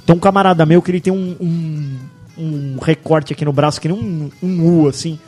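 A man's voice: fairly high pitch, steady tone, moderate pace, a little mellow, soft background music. Slangy man telling stories. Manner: slangy storytelling with sound effects. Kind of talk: casual chat. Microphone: studio microphone with headphones.

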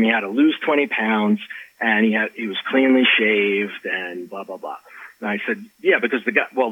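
A man's voice: medium pitch, no room sound. A man, an author and life coach, telling a personal story in an interview, with lots of restarts and acted-out quotes. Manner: animated storyteller, acts out quotes, many restarts. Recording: slightly dull lo-fi audio.

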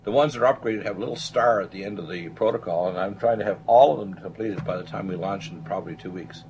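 Low-voiced self-assured male talk host. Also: fast, darkish tone, slight background noise, rough recording. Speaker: talk show host and doctor. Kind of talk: unscripted monologue to listeners.

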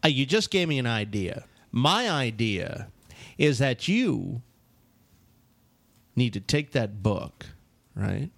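Gravelly man in casual banter. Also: medium pitch, very animated, slow, long pauses, fairly bright tone, dry recording.

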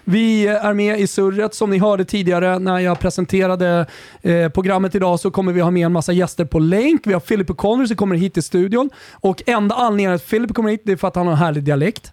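A man with a high voice hosts a live studio show, talking loosely and chattily and swearing in passing. The sound is close and dry, with no room around it. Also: fairly even intonation, darkish tone, no room sound. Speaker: show host. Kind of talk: casual live radio chat. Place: radio studio.

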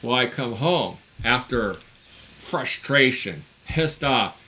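A man's voice: mid-range voice, animated, takes it slowly, sharp tone. A man in his fifties, a certified mechanic and podcast co-host, telling a long story in a blunt, exasperated way and swearing now and then. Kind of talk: casual podcast chat.

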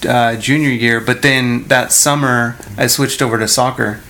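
A man chatting on a podcast in a halting way, with many fillers and pauses. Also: mid-range voice, fairly even intonation, bright, forceful tone. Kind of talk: casual chat.

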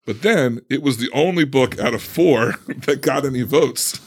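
A young man co-hosting a book podcast, chatting casually with halting restarts and frequent laughs. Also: mid-range voice, breathy edge. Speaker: podcast co-host. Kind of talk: casual chat.

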